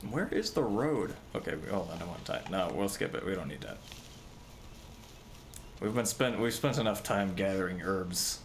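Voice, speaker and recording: A man's voice: deep voice, sing-song, moderate pace, a little hiss or hum. A man chatting casually while hosting a game livestream, bantering in an exasperated way. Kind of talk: casual gameplay chat.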